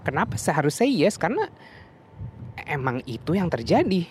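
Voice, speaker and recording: A man's voice: on the high side, very animated, normal speed, darkish tone, slight background noise. A young man with a Jakarta slang accent, casually musing in a monologue, chatty with many fillers and restarts.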